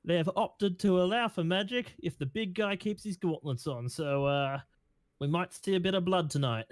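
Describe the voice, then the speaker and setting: A man voicing an excitable arena announcer hyping a fight, like a fighting game announcer, in a tabletop game. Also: sits high, normal speed, dry recording, pitched above the performer's own voice, natural voice. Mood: hyped showman. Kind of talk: tabletop role-play character voice.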